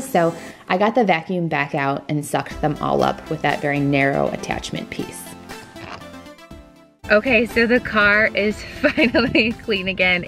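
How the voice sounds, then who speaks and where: A woman's voice: lowish voice, a bit bright. A woman in her thirties talking through a car cleaning vlog, chatty and upbeat, speaking to her viewers. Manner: chatty, upbeat, addresses viewers as "you guys". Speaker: lifestyle vlogger. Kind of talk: cleaning vlog voice-over and chat to camera. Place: inside a parked car. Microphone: phone or camera held at arm's length. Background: background music.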